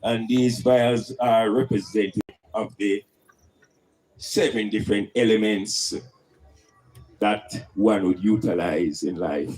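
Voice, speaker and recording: A man's voice: fairly low pitch, fairly even intonation, slow pace, a little mellow, rough recording. A man with a Jamaican accent speaking in Rastafarian style, preaching and teaching emphatically with rhetorical questions and Rastafari idioms.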